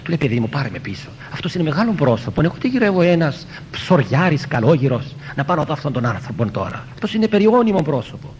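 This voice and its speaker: Priest telling a story, muffled. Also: male voice, sing-song, few pauses, a little mellow. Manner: retells a story, quoting others and repeating "he tells me". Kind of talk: storytelling homily. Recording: muffled lo-fi with faint rumble.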